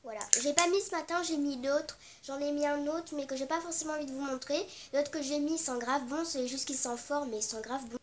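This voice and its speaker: In this casual beauty vlog, a stuffy-nosed teenage girl from Réunion chats about her products, rambling, apologetic, and full of fillers because of her cold. She talks a little fast in a high voice, barely pausing, over slight background noise.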